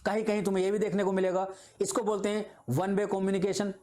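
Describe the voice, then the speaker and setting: A man's voice: sits high, little pitch movement, quick pace, a little mellow. A man teaching an exam-prep video lecture. He explains patiently with simple examples, repeats his points and keeps checking in with his students.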